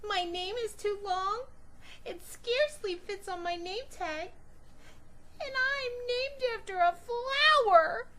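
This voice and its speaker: Storybook schoolgirl, voiced by a woman: small, high, emotional and emphatic, over some background noise. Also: takes it slowly, bright, forceful tone, heavily acted. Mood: miserable, tearful. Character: sensitive little schoolgirl, easily elated and easily crushed. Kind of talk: children's storybook read-aloud.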